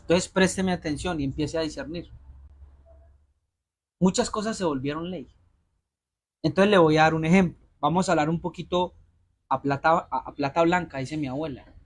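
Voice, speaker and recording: A man delivers a sermon in a fairly high voice. He addresses his congregation directly and urges them to pay attention. He keeps pausing on rhetorical questions for them to answer. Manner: direct, exhorting address to listeners. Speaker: pastor.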